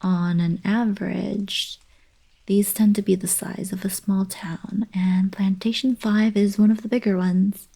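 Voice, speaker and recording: In this intimate ASMR roleplay, a woman voices a young alien princess, a teasing and affectionate college girlfriend, addressing the listener in a scripted monologue. She speaks slowly in a soft, husky, breathy way at medium pitch and a level tone, casually teasing while explaining thoughtfully.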